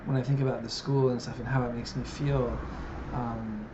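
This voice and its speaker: A medium-pitched man in his thirties living in Japan speaks at a moderate pace with little pitch movement in a reflective vlog. His thinking aloud is musing and hesitant, peppered with fillers. The recording is dull lo-fi with background noise.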